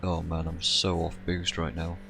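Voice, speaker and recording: A man giving casual, sarcastic commentary over his own racing gameplay, excitable and swearing when frustrated. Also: low voice, moderate pace, gravelly, soft background music. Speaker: gaming YouTuber.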